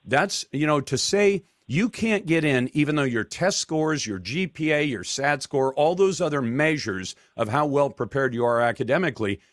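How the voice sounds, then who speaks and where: A man's voice: on the high side, animated, normal speed, hardly any pauses, a bit bright, dry recording. A man hosting a talk radio show, emphatic and argumentative, speaking into a studio microphone. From Taiwan.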